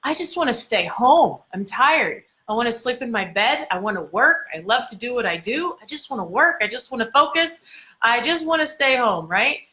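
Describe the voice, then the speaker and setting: A woman's voice: a little high, expressive, normal speed, sharp tone. A woman giving a motivational lesson as a communication coach, talking emphatically and repeating her key phrases.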